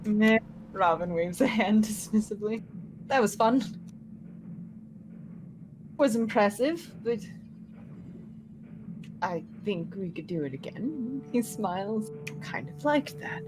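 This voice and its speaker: A woman's voice: medium pitch, animated, slow pace, long pauses, low-quality recording. A woman playing a tabletop game, talking casually in character. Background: clear background music.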